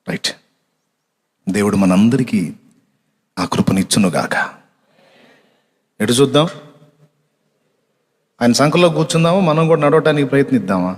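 A male pastor preaching and praying, dropping low and quiet, then rising with passion. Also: lively intonation, moderate pace, pauses often, big-room sound. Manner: impassioned preaching, swings between quiet and loud. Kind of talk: sermon and prayer.

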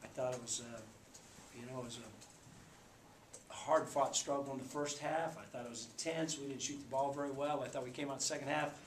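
After a loss, a basketball coach in his forties speaks at a postgame press conference, subdued and halting with many fillers. His medium-pitched voice holds a steady tone. The table mic in the small indoor press room picks up echo and a faint background hum.

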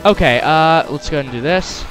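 A man gives casual let's-play commentary in a somewhat high voice. He is jokey and playful as he guides viewers, with game music faintly behind him. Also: a little fast, a bit bright. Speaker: gaming video host.

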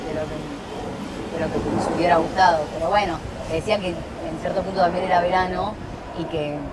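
On a lapel mic with heavy background noise, a young Argentine woman in her twenties talks casually at a terrace table as a guest. Her voice is lowish and steady, a little fast, and she keeps restarting and using fillers.

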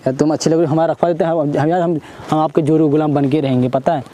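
A man's voice: fairly high pitch, fairly even intonation, quick pace, warm tone, slight background noise. A young man, hosting a village prank, who keeps cajoling and asking why she is angry.

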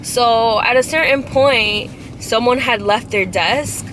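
A young woman with a fairly high-pitched voice speaks slowly as a guest in a casual nighttime chat in a parked car. A dashboard camera records her rambling, "like"-filled stories, with car noise in the background.

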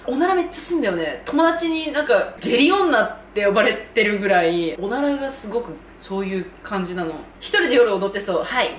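A woman of twenty-four chatting casually as a YouTube host, reacting to viewer comments in an animated, giggly, self-mocking way, recorded on a camera mic. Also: on the high side, reverberant, slight background noise.

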